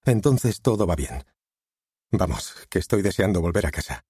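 Steven is a defensive, evasive husband who brushes questions off curtly, heard in an audiobook. A man reads him in a deep, dark, husky voice. The recording is dry. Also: sing-song, moderate pace, no room sound, heavily acted.

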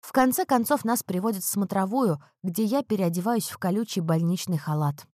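A woman reading a first-person audiobook in an emotional, expressive way. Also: medium pitch, a little fast, no echo, clean studio sound. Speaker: narrator. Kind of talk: audiobook narration.

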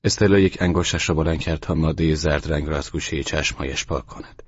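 A man narrating an audiobook in a calm, even reading, in a dull, dry studio recording. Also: very deep voice, husky, dry recording. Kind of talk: scripted narration.

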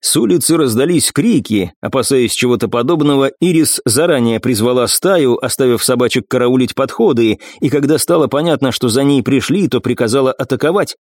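A man narrating an audiobook in an even, measured way. His voice sits at a middling pitch. The recording is dry and close, with no room echo. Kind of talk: scripted narration.

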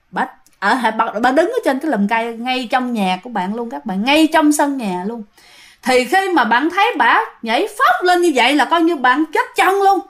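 High-voiced woman telling ghost stories. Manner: animated, addresses listeners directly. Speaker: storyteller. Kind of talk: ghost story narration.

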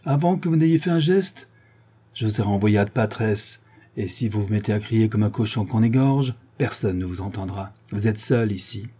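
A man's voice: on the low side, animated, normal speed, mellow, slightly rough. A man doing a cold, menacing hired killer. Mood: threatening. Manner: cold, threatening. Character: shifty male hired killer, cool and menacing.

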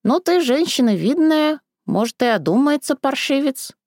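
A woman's voice: mid-range voice, expressive, normal speed, vocal fry, darkish tone, dry recording, studio quality, voice pushed up. A woman reading a storybook and voicing a crafty, rude old village woman who flips between sugary coaxing and coarse scolding. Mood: coaxing, bossy. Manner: sing-song sugary then snapping, coarse.

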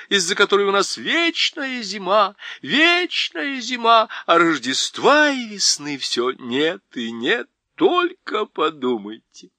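A man's voice: sharp tone, no echo, heavily acted. A man voicing a weepy, guilt-ridden male faun in a storybook reading, sobbing and pleading. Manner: sobbing, pleading, high-strung.

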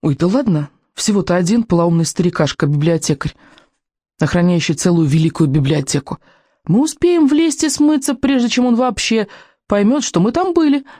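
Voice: mid-range voice, expressive, a little fast, darkish tone, no echo, clean studio sound, natural voice. A reader voicing a bold, reckless young girl who talks in a brash, breezy way.

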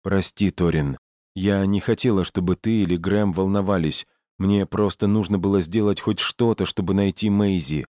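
A man voicing a troubled young woman in a storybook reading, speaking softly and quietly. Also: low voice, fairly even intonation, normal speed, no echo, clean studio sound, lightly acted. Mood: hushed, regretful. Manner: soft, hushed delivery.

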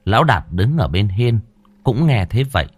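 A male storyteller with a deep voice narrates a horror tale, his pitch rising and falling in a lively, dramatic way. The recording is dry and close to the mic, with no room sound. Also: normal speed, slightly rough, dry recording, soft background music.

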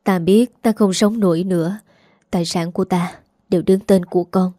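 Woman doing severe older matriarch, commanding, dark mellow voice, dry close sound. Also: on the low side, steady tone, normal speed, no room sound, lightly acted. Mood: weak, remorseful. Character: stern wealthy older woman, company matriarch.

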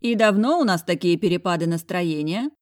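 A woman's voice: fairly low pitch, animated, a little fast, dry recording, clean studio sound, lightly acted. A woman voicing a smug, teasing middle-aged male doctor in an audiobook. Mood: sly. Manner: teasing, self-satisfied.

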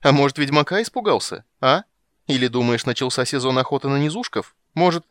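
A man's voice: mid-range voice, very animated, fairly quick, fairly bright tone, no echo, clean studio sound. A man voicing a boastful, flamboyant male bard in an audiobook, teasing and exclamatory. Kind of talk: audiobook character voice.

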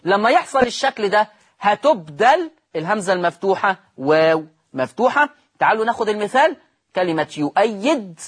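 A man with an Egyptian accent teaching Quran recitation rules on a televised lesson, repeating each rule slowly and quizzing his listeners. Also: a little high, husky. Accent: Egyptian Arabic.

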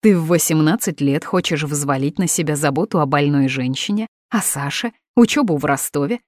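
A woman's voice: low voice, normal speed, a little mellow, dry recording. A woman reading the part of a stern middle-aged mother, reproachful and indignant, in a dry, close recording. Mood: persuasive.

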